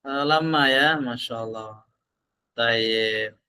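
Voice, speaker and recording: A man teaching an online Arabic class, slowly sounding out each Arabic word before explaining it. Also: medium pitch, bright, forceful tone, clean tone.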